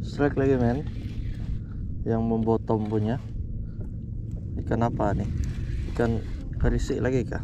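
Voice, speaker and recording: A young Malaysian fishing vlogger talks unhurriedly at medium pitch, with long pauses, in casual self-filmed commentary from a kayak out at sea. He's relaxed and chatty, dropping "men" after phrases. The lo-fi sound comes from an action camera on his body, with clear wind and water noise.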